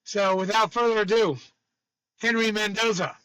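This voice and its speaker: A man hosts a podcast with a blunt, joking, rambling manner. His voice is high and bright with a sharp edge. It is recorded dry and close. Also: steady tone, normal speed, clean tone, dry recording, poor audio. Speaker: podcast host. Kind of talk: casual chat.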